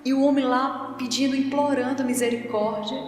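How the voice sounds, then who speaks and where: A woman with a fairly high voice giving a public spiritist lecture, telling a story and bringing its characters to life. She is heard from a distance in a reverberant hall, with faint music underneath. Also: steady tone, moderate pace, a little mellow. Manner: storytelling, acts out quoted voices.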